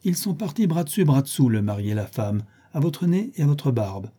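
A man's voice: mid-range voice, big pitch swings, brisk, warm tone, husky, pitched above the performer's own voice. A man voicing a gossipy, scheming old female concierge in a raised, chattering voice.

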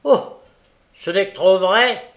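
A man's voice: high voice, slow, fairly bright tone, dull audio, voice pushed up, exaggerated voice. A man reading aloud and voicing a grave male coach passenger who speaks in a matter-of-fact way. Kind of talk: audiobook character voice.

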